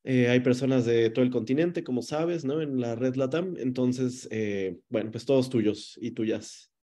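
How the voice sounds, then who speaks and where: A man in his forties hosting an online journalism workshop from a room at home, speaking in a measured way with many hesitations. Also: medium pitch, dark tone. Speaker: workshop moderator. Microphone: video call.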